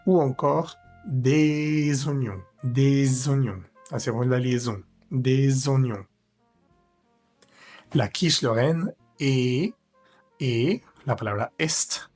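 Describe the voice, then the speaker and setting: A man teaching French pronunciation in Spanish, slowly spelling out words syllable by syllable. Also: mid-range voice, darkish tone, husky. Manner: slow, careful, breaks words into syllables. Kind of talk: pronunciation lesson.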